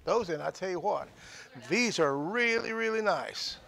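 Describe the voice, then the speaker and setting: In a small studio room stocked with items for sale, an older auction-show host describes the goods in a casual on-air pitch laced with folksy humor. He speaks a little slowly in a high, creaky, fairly bright voice with expressive delivery, and there's slight background noise.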